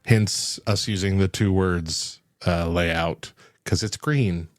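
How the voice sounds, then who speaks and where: A man's voice: low-pitched, fairly even intonation, slow pace, soft background music. A man hosting a casual podcast, laughing often and rambling through loose asides. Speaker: podcast host.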